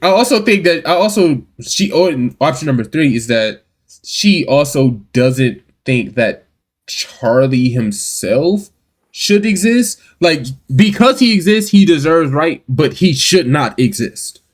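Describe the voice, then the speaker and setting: Laid-back man with lively pitch. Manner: laid-back, quick agreeing interjections. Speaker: podcast co-host. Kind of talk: casual anime recap chat.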